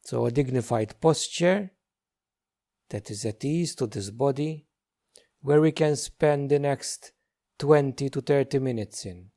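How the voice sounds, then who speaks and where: Leading a guided meditation, a male teacher speaks at a medium pitch. He talks gently, using short, unhurried phrases with lots of pauses.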